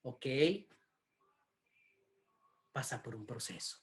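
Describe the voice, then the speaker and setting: A pastor preaching a sermon, slow and emphatic, with rhetorical questions to the congregation. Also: medium pitch, a bit bright.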